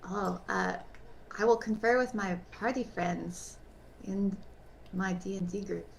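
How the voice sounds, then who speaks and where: A woman's voice: medium pitch, a little slow, vocal fry, rough recording. A woman player chatting casually out of character during a tabletop game. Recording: faint background noise, room ambience.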